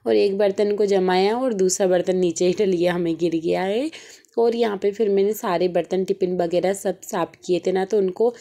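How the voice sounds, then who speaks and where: A woman's voice: mid-range voice, steady tone, normal speed, warm tone. A young woman with a Malwi Hindi accent, narrating her day at home in a chatty, rambling vlog style, sounding tired. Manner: chatty, homely, rambling with many fillers. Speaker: vlogger. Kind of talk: casual daily-life vlog narration. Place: home kitchen.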